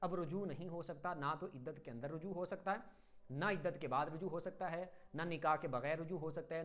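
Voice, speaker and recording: A man's voice: on the high side, fairly bright tone. Guy from pakistan teaching a religious lesson, firm, lists examples one by one. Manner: methodical, lists example phrases one after another; firm, instructive. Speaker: Islamic teacher.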